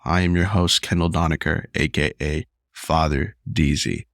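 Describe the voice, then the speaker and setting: Earnest host, low gravelly voice. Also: male voice, steady tone, moderate pace, fairly bright tone, dry recording, clean studio sound. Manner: earnest, confessional. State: losing his voice, unwell. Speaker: podcast host. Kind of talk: solo podcast monologue.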